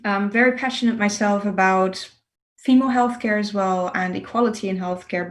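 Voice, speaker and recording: A young woman from the Netherlands, introducing herself eagerly on an online panel, with many filler sounds. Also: lowish voice. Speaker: panelist, healthcare startup manager.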